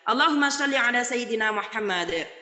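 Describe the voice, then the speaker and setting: A woman religious teacher speaks with a high, bright voice. She drawls key words and then speeds through others, giving her talk a lively swing. Her voice rings with the long reverb of an echoey hall. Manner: lively, switches between slow emphatic and fast bursts. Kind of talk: Islamic study talk.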